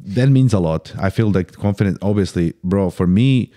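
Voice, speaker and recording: Low, mellow-voiced man in his thirties. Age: 30s. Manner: casual, sprinkles "bro" constantly; halting restarts while thinking. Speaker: guest. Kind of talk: casual podcast chat.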